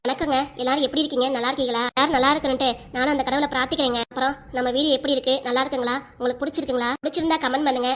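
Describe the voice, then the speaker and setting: A woman's voice: high-pitched, fairly even intonation, rapid-fire, few pauses, background noise. Chatty woman creator with a southern Tamil accent. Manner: chatty and thankful. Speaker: cartoon channel creator. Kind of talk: casual sign-off to viewers.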